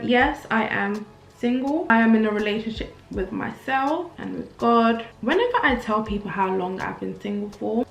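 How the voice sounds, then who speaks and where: A Nigerian woman in her 20s who has a British accent vlogs casually at her home mirror while getting ready, chatting candidly and making fun of herself. Her voice is medium-pitched and the room is reverberant.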